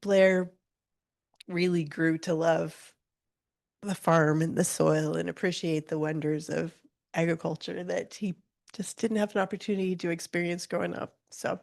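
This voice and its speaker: A woman's voice: lowish voice, steady tone, normal speed, vocal fry, darkish tone. Tearful woman telling a family story. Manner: humorous storytelling with acted-out quotes. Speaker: eulogy speaker, daughter of the deceased. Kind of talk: personal memorial speech.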